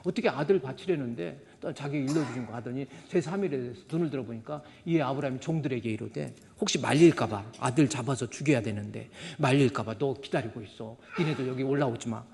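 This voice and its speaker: Older man, pastor, sermon, mid-pitched voice, storytelling, acts out quotes, long church reverb. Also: brisk, gravelly, few pauses, a little mellow. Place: church sanctuary.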